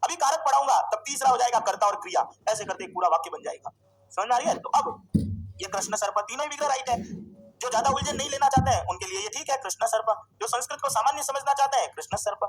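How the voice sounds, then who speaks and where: A man teaching a Sanskrit grammar class, drilling students with questions and slowly repeating forms. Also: extremely high pitch, a bit bright, soft background music, rough recording. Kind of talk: classroom lecture.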